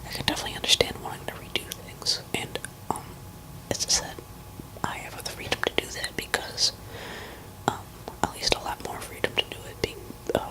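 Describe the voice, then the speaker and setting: A woman speaks in a barely audible whisper, with almost no voice behind the words. She rambles casually in an ASMR style, hesitating and pausing mid-thought as she goes. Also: poor audio. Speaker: musician talking to listeners.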